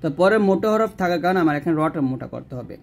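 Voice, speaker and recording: A man teaching Quran reading, explaining rules patiently and drawing out slow recited examples. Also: high voice, expressive, vocal fry. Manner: patient step-by-step explanation, asks and answers own questions.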